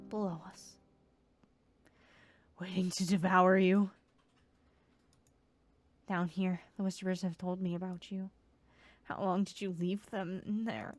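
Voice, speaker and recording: A woman reading the lines of a cryptic, sinister male food creature in a video game, in a low, taunting and ominous manner. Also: flat delivery, takes it slowly, pauses often, dry recording.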